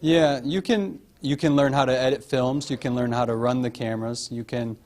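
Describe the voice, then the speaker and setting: A man gives an informal, encouraging address to a group, earnest and pausing between phrases. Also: mid-range voice, steady tone, darkish tone.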